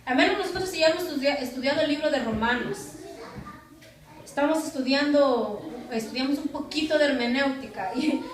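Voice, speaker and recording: A woman's voice: high voice, fairly quick. A woman pastor, preaching a sermon and putting rhetorical questions to her congregation. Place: church hall. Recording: echoey church from far off.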